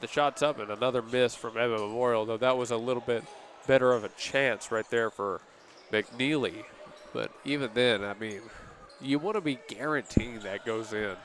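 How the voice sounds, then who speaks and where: A man calling a high school basketball game with steady, easygoing play-by-play commentary. His voice sits at a middle pitch. A faint hum of gym noise and bouncing balls runs behind him. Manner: steady play-by-play, casual asides and quick self-corrections. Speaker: play-by-play announcer.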